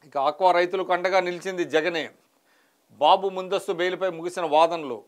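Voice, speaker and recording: A man's voice: high voice, fairly even intonation, brisk. A man reviewing the morning's newspaper headlines, reading each item and adding short remarks, with occasional restarts. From Telugu states of India. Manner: reads headlines then adds brief remarks, occasional restarts. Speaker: news analyst reading headlines.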